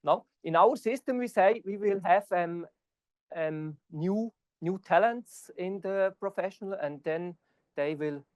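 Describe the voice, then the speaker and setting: A high-pitched, darkish-toned man from Switzerland gives a conference talk followed by questions, recorded dry in the hall. He speaks non-native English haltingly, leaning on fillers throughout.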